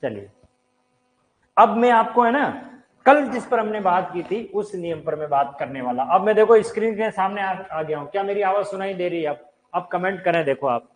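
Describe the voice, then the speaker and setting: A man with a high, animated voice speaks at a normal pace on a low-quality recording. He's teaching a live online Hindi grammar class from a room with a board, addressing viewers directly, quizzing them and answering his own questions.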